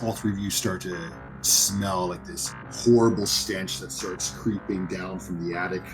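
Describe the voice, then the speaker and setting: A man with a deep voice acts as game master for a horror tabletop roleplaying game, narrating in a conversational, descriptive way. The recording is rough, with music playing behind him.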